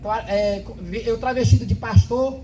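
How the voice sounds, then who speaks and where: A man's voice: extremely high pitch, steady tone, normal speed, mellow, slight background noise, poor audio. A man preaching an emotional testimony at a church service, with a fervent, repetitive way of telling it.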